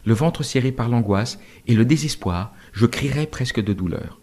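A man reads a novel aloud in an expressive, dramatic storytelling manner. His voice is husky and mellow and rises and falls a great deal. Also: medium pitch, normal speed. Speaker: narrator. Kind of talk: audiobook narration of a novel.

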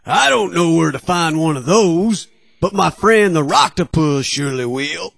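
A man's voice: on the high side, animated, measured pace, vocal fry, a bit bright, no echo, studio quality, full character voice. A man voicing a friendly, kindly old male whale in a children's audio story, talking in a folksy, chatty way.

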